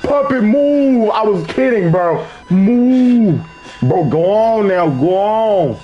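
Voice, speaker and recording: A young man streaming horror games with scared, excitable, slangy reactions and yelling at jumpscares. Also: sits high, slow, muffled recording, faint music behind. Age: young adult. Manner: casual slangy speech. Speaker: gaming streamer. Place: small indoor gaming room.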